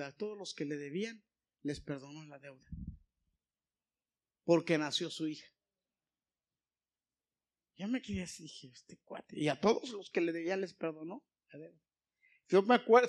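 Man, Mexican Spanish accent, preacher, storytelling sermon, somewhat high voice, asks the congregation questions. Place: church.

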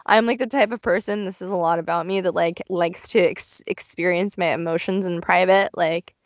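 A woman's voice: on the low side, fairly even intonation, normal speed, dry recording. A young woman hosting a podcast from inside a clothes closet, speaking candidly and introspectively and filling her talk with "like.". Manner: candid and introspective, heavy use of "like". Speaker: podcast host. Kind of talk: casual confessional chat.

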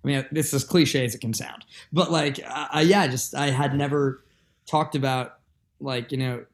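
A man's voice: medium pitch, steady tone, moderate pace. A young adult man, a musician guest, talking candidly and earnestly in a rambling podcast conversation full of fillers.

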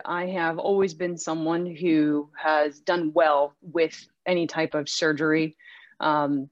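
A woman's voice: low-pitched, no echo. A woman in her forties from Western Pennsylvania, a guest telling her story in a chatty, self-deprecating way. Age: 40s. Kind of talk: casual interview. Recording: muffled, dull sound.

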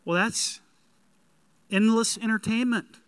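A flustered modern homeowner, played by a man proudly explains things. The voice is high and crisp, halting and eager, in a sermon skit. It is recorded dry. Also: steady tone, no echo. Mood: boastful.

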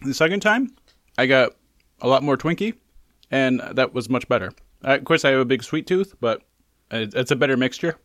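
A man's voice: mid-range voice, animated, normal speed, fairly bright tone, no echo. Regular guy co-hosting a tasting show, chatty, drops trivia while eating, dry mic. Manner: chatty, shares trivia between bites. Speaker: co-host. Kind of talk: casual food-tasting chat.

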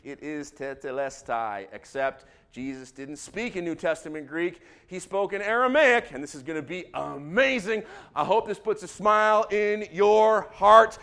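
A man preaching a sermon, moving from hushed scripture reading to loud, excited exhortation, mixing folksy slang with scripture. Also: on the high side. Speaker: pastor.

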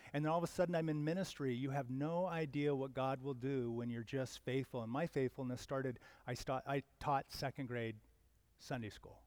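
A man's voice: a little high, no room sound. Earnest fifty-something man preaching a sermon. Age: 50s. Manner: earnest, conversational preaching with sudden loud emphatic swells. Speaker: pastor.

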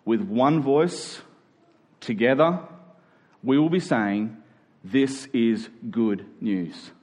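Speaking extremely slowly in a mid-range, slightly mellow voice, an Australian man preaches as a church pastor. The sermon is earnest and conversational, and he often poses questions to the people listening.

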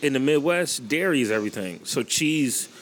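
A young man from Chicago hosts a laid-back conversation, voice in a middle register. He talks in a relaxed way but states strong opinions plainly, often padding with "like" and "you know.". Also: medium pitch, moderate pace. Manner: relaxed, opinionated, says "like" a lot. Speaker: host. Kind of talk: casual chat.

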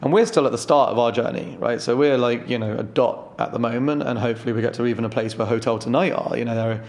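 A man's voice: mid-range voice, fast, vocal fry. Startup founder, male, 30s, frank and loose, casual swearing. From London. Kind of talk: casual interview chat.

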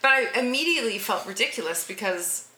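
A woman's voice: a little high, expressive, fast talker, bright, forceful tone. Thoughtful woman, 30s, podcast chat, echoey room. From small town in Alberta, Canada. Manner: reflective, thoughtful storyteller. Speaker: podcast co-host. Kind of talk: casual chat. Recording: roomy echo.

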